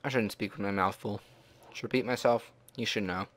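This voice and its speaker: A man voicing a smug, wealthy male villain who talks coldly and calmly. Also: fairly low pitch, a little fast, natural voice, low-quality recording. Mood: menacing.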